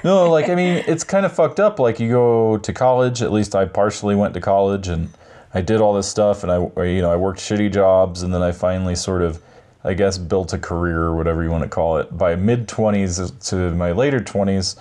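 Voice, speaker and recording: Brief: low-voiced thirties man, relaxed rambling podcast co-host. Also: a little fast. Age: 30s. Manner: laid-back, rambling, hesitant with fillers. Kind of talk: casual chat.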